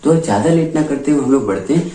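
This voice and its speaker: A male teacher giving a classroom-style grammar lesson, repeating his points with frequent check-ins and slowing down to spell out letters. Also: mid-range voice, lively intonation, noisy background. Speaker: English teacher. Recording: echoey room, voice from a distance.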